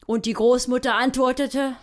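A woman telling a comic fairy tale in a coarse, gruff, mock-sailor manner. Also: sits high, level tone, normal speed. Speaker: storyteller.

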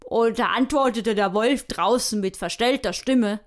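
A woman storyteller with a fairly high voice narrating a comic fairy tale. She is coarse and gruff, like an old sailor spinning a yarn. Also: unhurried.

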